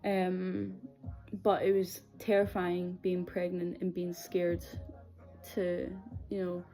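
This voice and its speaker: A young Scottish woman speaks in a low, dark and relaxed voice with little rise and fall. She tells her own story in a candid, conversational style, hesitating as she goes. Faint music plays behind her. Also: takes it slowly. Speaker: video series host. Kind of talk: personal confessional storytelling.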